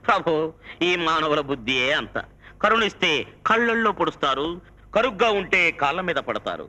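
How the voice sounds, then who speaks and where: A fawning, scheming scribe of the underworld, speaking in a sharp, piercing high voice that leaps about as he eggs his master on. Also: big pitch swings, normal speed, long pauses, heavily acted. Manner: fawning, whispers advice to his lord. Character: scheming male scribe of hell, fawning courtier. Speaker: actor in a film.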